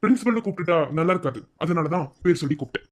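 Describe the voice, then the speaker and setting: A man voicing a calm, firm male college lecturer in a cartoon, speaking in a steady, lecturing way. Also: high voice, racing. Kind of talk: cartoon voice acting.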